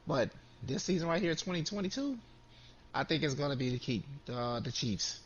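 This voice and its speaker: A man chats about sports as a guest, heard over a muffled lo-fi line with a faint hiss behind him. He talks in a relaxed way, tripping over and repeating words as he gathers his thoughts. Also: fairly high pitch, normal speed. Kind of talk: casual sports chat. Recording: dull lo-fi line with faint noise.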